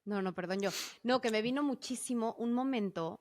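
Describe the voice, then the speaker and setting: Animated woman host on a dry close mic. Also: on the high side, moderate pace, no echo. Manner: animated, full of fillers and self-corrections. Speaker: podcast host. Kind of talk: casual personal storytelling.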